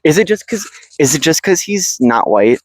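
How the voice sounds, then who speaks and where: A man co-hosting a podcast in casual chat, teasing in a dry, deadpan way, recorded outdoors on a handheld mic. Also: a little high, moderate pace, no room sound, poor audio. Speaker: podcast co-host. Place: outdoors in the woods. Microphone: handheld mic passed between speakers.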